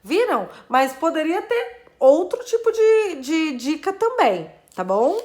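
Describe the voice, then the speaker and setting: Working through math puzzles in a casual video lesson, an adult woman teacher thinks aloud to her students and counts syllables and letters. Her voice is very high yet darkish in tone, with big pitch swings and a slow pace.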